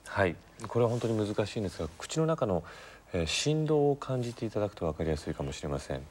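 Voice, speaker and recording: A man taking part in a language lesson, polite and lively, repeating sounds clearly. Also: on the low side, fast talker. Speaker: studio learner. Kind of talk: casual lesson talk.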